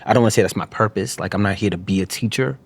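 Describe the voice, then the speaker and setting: His voice lowish, gravelly and a bit rough, the New York author and poet reflects aloud as an interview guest. He keeps starting over and leans on the filler "you know what I'm saying."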